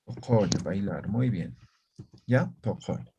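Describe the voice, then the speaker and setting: A man's voice: lowish voice, lively intonation, dark tone, highs cut off, slight background noise. A man teaching an online language class, explaining patiently and often checking that students follow. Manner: slow, patient, checks understanding with "¿ya?" and "¿no ve?".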